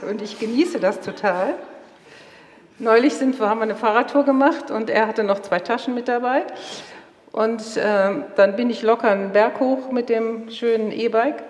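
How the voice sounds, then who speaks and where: A woman's voice: on the high side, normal speed. A middle-aged woman telling stories from her marriage and family to an audience, acting out the quoted dialogue. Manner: lively storyteller, acts out quoted dialogue. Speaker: speaker sharing marriage stories. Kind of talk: storytelling talk to an audience. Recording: roomy hall with long reverb.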